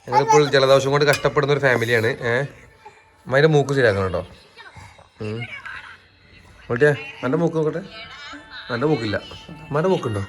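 A man's voice: medium pitch, quick pace, pauses often, soft background music. Chatty Malabar-accented man vlogging. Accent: Malabar Malayalam. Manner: chatty, joking, addresses viewers as guys. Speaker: family vlogger. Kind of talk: casual vlog chat to camera.

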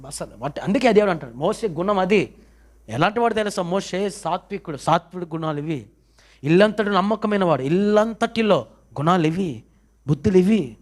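A male pastor delivers a sermon with a fairly high voice. He fires rhetorical questions at his listeners and acts out the voices of Bible figures in a dramatic manner. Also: animated, moderate pace, darkish tone. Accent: Telugu. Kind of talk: Telugu sermon.

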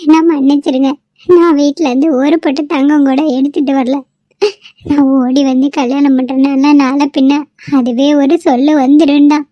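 A woman's voice: sits high, level tone, normal speed, dry recording, lo-fi sound, lightly acted. A woman voicing a timid young bride in a cartoon, pleading and fearful. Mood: tearful. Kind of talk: cartoon voice acting.

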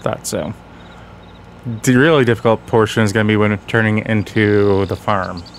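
A man's voice: on the low side, fairly even intonation, normal speed, slight background noise. A man hosting casual game commentary, talking slightly off as he guards a sore, bitten tongue. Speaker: gaming channel host.

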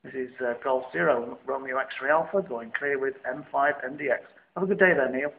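A man's voice: medium pitch, a little fast, vocal fry. A middle-aged Northern English man chatting as a ham radio operator, giving phonetic call signs in a room at home. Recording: thin lo-fi camera audio, faint hiss.

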